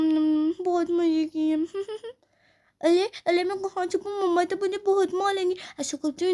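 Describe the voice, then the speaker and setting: A woman's voice: very high-pitched, mellow. A woman voicing a sneaky tattletale girl doll who schemes and talks asides to herself, in a doll play story.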